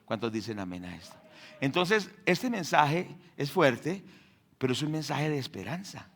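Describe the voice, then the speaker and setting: A man preaching a sermon in church, firing rhetorical questions at the congregation and swinging between loud and hushed delivery. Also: mid-range voice, big pitch swings, normal speed. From Colombia. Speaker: pastor.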